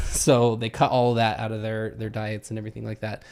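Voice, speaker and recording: A man's voice: on the low side, completely flat delivery, brisk, creaky, darkish tone, clear, resonant tone. A man co-hosting a casual podcast, telling a rambling story and swearing casually. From Utah. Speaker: podcast co-host. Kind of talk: casual chat.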